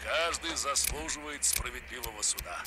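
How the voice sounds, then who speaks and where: Stern captain over the radio. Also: male voice, mid-range voice, animated, normal speed, a crowd in the background. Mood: grim. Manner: curt commanding orders. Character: stern male military captain giving orders. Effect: radio transmission. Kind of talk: game dialogue.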